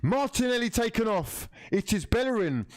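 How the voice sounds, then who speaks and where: A man hosting a live fan football watch-along, commentating in an informal, excitable, matey way. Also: very high-pitched, moderate pace, no room sound.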